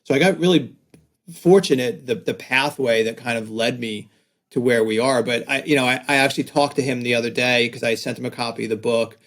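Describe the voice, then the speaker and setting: New york guy on a podcast, talks fast and loose, lots of "like"s and restarts. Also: mid-range voice. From Staten Island, New York. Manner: energetic storyteller, peppered with "like" and restarts. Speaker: guest, branding designer. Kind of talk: casual podcast interview.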